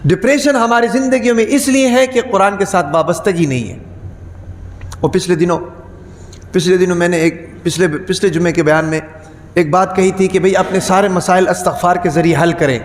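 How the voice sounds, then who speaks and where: Man preaching a Friday sermon, high voice, rhetorical questions, repeats words for emphasis, echoey hall with long reverb.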